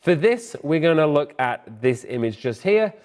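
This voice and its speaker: A young man hosting a fast photo-editing tutorial, brisk and upbeat, giving opinionated tips and sounding out of breath. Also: on the high side, sing-song, a little mellow. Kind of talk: fast screen-recorded software tutorial.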